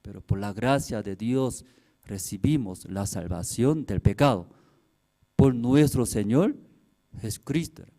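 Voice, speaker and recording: Slow, animated preacher man. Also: fairly low pitch. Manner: repetitive, with rhetorical questions and tag questions; slightly broken, non-native-sounding Spanish phrasing. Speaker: pastor. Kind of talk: sermon.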